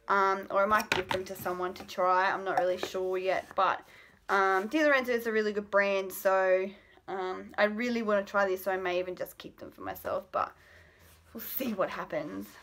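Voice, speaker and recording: An Australian vlogger in her late twenties chats casually about a product haul in her bedroom at home, rambling with lots of ums. Her voice is medium-pitched, unhurried and a bit bright, recorded by a built-in camera mic at arm's length.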